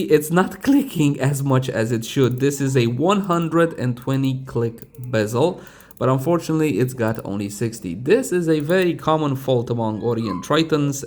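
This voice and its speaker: A man's voice: mid-range voice, a little mellow. Chatty man explaining a watch repair. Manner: chatty, digressive, casual asides. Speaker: watch reviewer. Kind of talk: casual tutorial talk.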